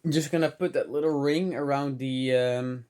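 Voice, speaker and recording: At a moderate pace and with fairly even intonation, a man with a mid-range, slightly mellow voice comments on a hobby electronics teardown. His throat sounds a little dry and strained as he rambles casually from a cluttered room at home, thinking aloud with muttered asides and mild exclamations.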